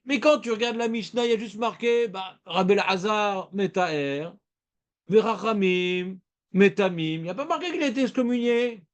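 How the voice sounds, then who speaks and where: A man with a high-pitched voice leads a Talmud class. He explains in a lively, playful way and keeps checking whether his students follow. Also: moderate pace. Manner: lively, asks students questions, playful rhymes. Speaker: Talmud teacher.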